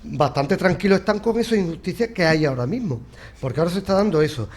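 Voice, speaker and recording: A man's voice: high-pitched, lively intonation, fast. Firm man arguing in a debate. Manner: firm, interrupting, argumentative. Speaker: radio debate guest. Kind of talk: studio debate, arguing a point.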